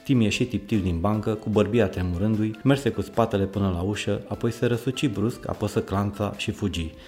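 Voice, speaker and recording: A man reading a children's story aloud in a lively, expressive way. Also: lowish voice. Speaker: narrator. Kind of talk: storybook narration. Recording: faint background music.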